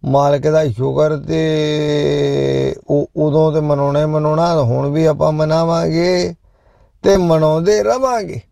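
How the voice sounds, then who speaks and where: A middle-aged male show host talks to listeners in a deeply gravelly, heavily fried voice that is dark and mellow, recorded dry and close with no echo. Slow and steady in tone, he speaks loudly and at length, shifting from jokes to preaching, like a casual live chat between songs.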